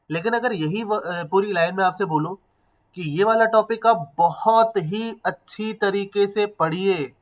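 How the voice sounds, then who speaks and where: A man's voice: sits high, a bit bright, poor audio. A man teaching a class, explaining step by step and putting questions to the students. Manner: explains step by step, asks the class questions, mixes in English phrases. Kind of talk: classroom lecture.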